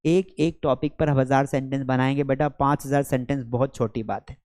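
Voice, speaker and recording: A man's voice: mid-range voice, fairly even intonation, brisk, a little mellow. A man teaches spoken English at a board in a classroom. He drills short sentence pairs aloud with energy and calls his students beta and bhai.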